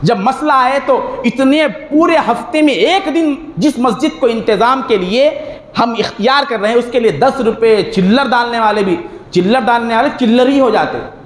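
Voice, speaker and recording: Male preacher, very high voice, exhorting with rhetorical questions; echoey mosque hall, faint noise. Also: normal speed. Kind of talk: religious sermon.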